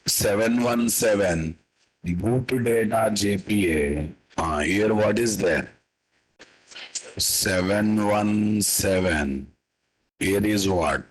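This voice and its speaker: A man with a Telugu-influenced Indian accent and a husky voice, teaching a live coding lesson as an instructor, repeating his statements and quizzing listeners with tag questions. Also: on the low side, slow, poor audio. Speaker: programming instructor.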